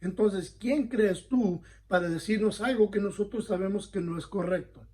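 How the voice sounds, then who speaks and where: A male pastor with a high, mellow voice teaches a Bible study at a moderate pace. He talks earnestly and conversationally, checks in with his listeners often, and keeps correcting himself as he speaks.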